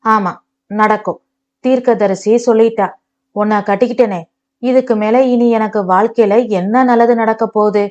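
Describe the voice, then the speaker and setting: A woman's voice: fairly high pitch, steady tone, moderate pace, a little mellow, highs cut off, natural voice. A woman voicing a bitter, sarcastic young husband who mocks and accuses his wife. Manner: mocking, accusing.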